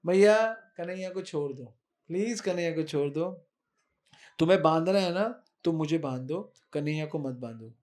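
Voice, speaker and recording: A storyteller doing Balram, anguished elder brother. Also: male voice, fairly high pitch, moderate pace, natural voice. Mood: pleading. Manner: pleading, then indignant and loud.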